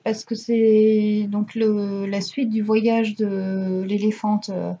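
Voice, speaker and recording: A young woman vlogging about her books in a casual, rambling way, stopping often to correct herself. Her voice is mellow and a little husky. The recording sounds dull and lo-fi. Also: mid-range voice, little pitch movement, takes it slowly. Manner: chatty, rambling with many hesitations and self-corrections; self-mocking. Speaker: booktuber. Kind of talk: casual reading vlog.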